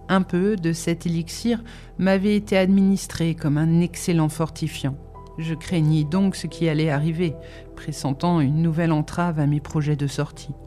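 Mellow-voiced audiobook reader over faint music. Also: medium pitch. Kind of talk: scripted narration of a novel.

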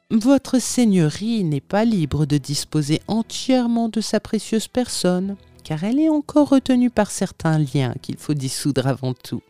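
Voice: medium pitch, mellow, no echo, natural voice. A reader voicing a sly, mocking male tempter who speaks with unctuous, overly polite irony in an audiobook reading.

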